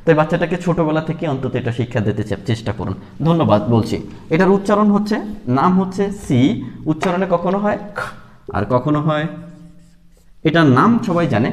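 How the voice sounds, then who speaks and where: A man's voice: on the high side, big-room sound. Casting note: male teacher from Bangladesh, slightly raised voice, patient drills with fillers. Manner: repeats sounds slowly, with many fillers. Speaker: English teacher. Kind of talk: explaining letters and sounds step by step.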